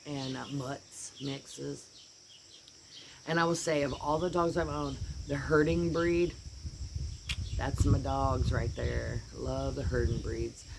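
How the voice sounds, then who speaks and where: An American woman vlogger sits out on a porch, chatting and rambling about her dogs in a slow, gravelly bass voice. She's animated and voices what her dogs are thinking. Birds and insects fill the outdoor background.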